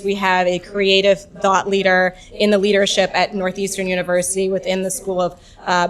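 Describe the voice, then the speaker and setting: Upbeat woman official, ceremony speech, enthusiastic with casual ums, mid-pitched voice. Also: a bit bright. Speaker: state labor secretary.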